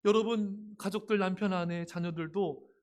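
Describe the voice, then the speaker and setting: A man preaching a sermon with a notably high-pitched voice. He speaks straight to his listeners, animated and expressive, and slips into playful acted-out remarks to drive his points home. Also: normal speed. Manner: addresses the congregation directly and often; animated, acts out everyday quotes with humor. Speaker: pastor.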